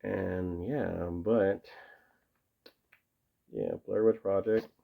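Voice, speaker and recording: A man's voice: sits low, fairly even intonation, drawn-out words, vocal fry, phone-quality sound. A man casually rambling to camera as he shows off his collection, enthusiastic and full of fillers. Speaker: video host showing his tape collection.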